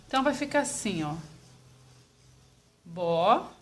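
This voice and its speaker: A woman teacher with a Brazilian Portuguese accent, giving a slow lesson to young children and sounding out each syllable patiently. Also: sits high, very animated, a bit bright.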